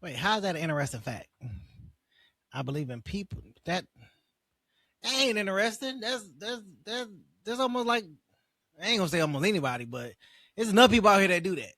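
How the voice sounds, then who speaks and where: Brief: male reaction host, slightly high and bright, emphatic casual commentary, very dry sound. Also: expressive, a little fast, long pauses, no echo. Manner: emphatic, repetitive, conversational slang.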